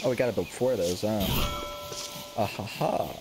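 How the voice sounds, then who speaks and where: A man streaming a survival game late at night, commenting to himself in a jokey, excitable way. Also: lowish voice, normal speed, noisy background. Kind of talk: casual gameplay commentary. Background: loud game music.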